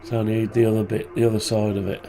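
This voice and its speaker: Over crowd noise, a man with a low, level voice talks fast, muffled and stuffy-nosed from the flu and sounding tired. He's a hobbyist presenter rambling through a casual tutorial, muttering his thoughts aloud.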